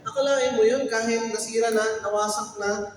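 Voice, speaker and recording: A high-voiced man preaching with lively energy, mixing Tagalog and English and urging the congregation to answer back. He is picked up from a distance in a big, echoing church hall. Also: normal speed, slight background noise. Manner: animated, switching between Tagalog and English, urging the congregation to respond. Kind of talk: sermon.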